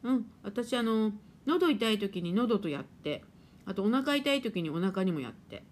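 A woman's voice: mid-range voice, lively intonation, moderate pace, a little hiss or hum. A middle-aged woman hosting a casual live stream, chatting and laughing as she reads viewer comments and playfully acts out her washing machine. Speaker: live-stream host and spiritual therapist.

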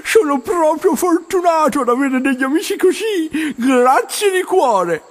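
Storybook cartoon: a young beaver lad, shrill and wailing, lively pitch that leaps around, in a long hall reverb. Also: male voice, unhurried. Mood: overjoyed. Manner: wailing, high and strained. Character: young male beaver, cheerful but aching. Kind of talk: children's storybook narration.

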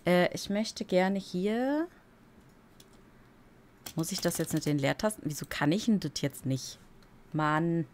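Lively, giggly woman narrating gameplay. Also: on the low side, slow, long pauses, a little hiss or hum. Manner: chatty, giggly, playfully silly. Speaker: let's play streamer. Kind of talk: casual gameplay commentary.

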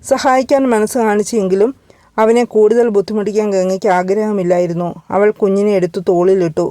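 A woman narrating a romance story in a steady, measured storytelling manner. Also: medium pitch, no room sound. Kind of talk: scripted narration.

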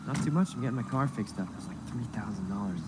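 A man's voice: on the low side, fast, heavy background noise, close to an everyday voice. A man playing a hesitant, sleepy crew member. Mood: sheepish. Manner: hesitant, lots of ums and stammers. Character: sleepy, easygoing young male crew member. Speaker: role-play player.

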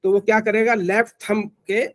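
A man's voice: sits high, level tone, normal speed. A man teaching acupressure in an online class, explaining informally with frequent restarts and fillers.

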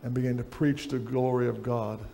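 A man's voice: mid-range voice, steady tone, brisk, gravelly, warm tone. Man preaching at a church lectern. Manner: preaching while reading aloud from a book. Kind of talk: sermon with book reading. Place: church sanctuary stage.

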